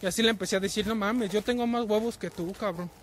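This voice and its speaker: High-voiced Mexican man ranting profanely. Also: quick pace, a little hiss or hum. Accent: Mexican Spanish. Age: 20s. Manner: profane, slang-heavy, fillers of güey after nearly every phrase. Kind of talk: casual ranting storytelling. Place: travelling in a vehicle.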